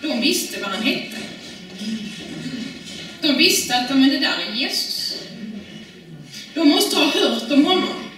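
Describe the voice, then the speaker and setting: A woman's voice: sits high, big pitch swings, long pauses, fairly bright tone, very echoey, far from the mic, poor audio. A woman preaching a sermon in a church, talking in a conversational way with many fillers and restarts.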